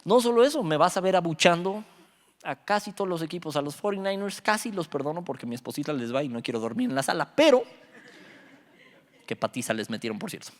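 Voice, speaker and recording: Young man, youth pastor sermon, lively swooping voice, fairly high pitch, reverberant hall. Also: quick pace. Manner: animated storytelling, acts out dialogue, jokes with the audience. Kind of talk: youth Bible study sermon.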